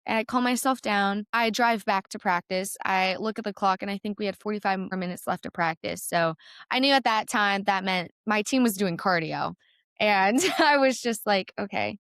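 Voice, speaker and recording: Young adult woman, American, podcast guest; smooth voice, dry close sound, heartfelt and teary. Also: medium pitch, normal speed, a bit bright, dry recording. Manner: tearful, earnest storytelling with laughs. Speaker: guest, college gymnast. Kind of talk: emotional personal story in a podcast interview.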